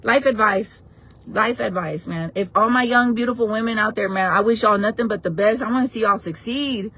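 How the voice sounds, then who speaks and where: A woman's voice: fairly high pitch, a little fast, fairly bright tone, slightly rough. A woman in her forties hosting a casual livestream chat, talking bluntly and playfully while she reacts to her chat. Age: 40s. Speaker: livestream host.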